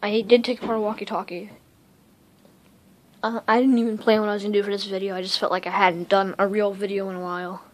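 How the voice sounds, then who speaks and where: A woman giving a casual, rambling tour of her home electronics workshop, talking quickly and interrupting herself as she films with a handheld phone. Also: mid-range voice, little pitch movement. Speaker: electronics hobbyist vlogger. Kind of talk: casual unscripted shop tour. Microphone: handheld phone camera.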